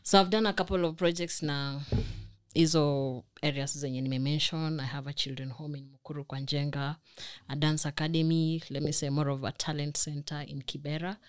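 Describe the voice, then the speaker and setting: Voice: mid-range voice, fairly even intonation, brisk, smooth, no room sound. Young Kenyan guest, close and dry. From Nairobi, Kenya. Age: young adult. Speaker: podcast guest, film student. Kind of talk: casual interview chat.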